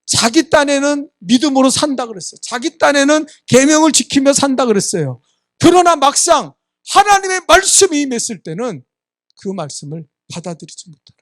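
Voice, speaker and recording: A man's voice: extremely high pitch, sing-song, moderate pace, fairly bright tone, dry recording, clean studio sound. A man preaching a sermon as a church's senior pastor, emphatic and prodding his listeners, sometimes acting out congregants' voices. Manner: acts out congregants' voices in asides. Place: church sanctuary.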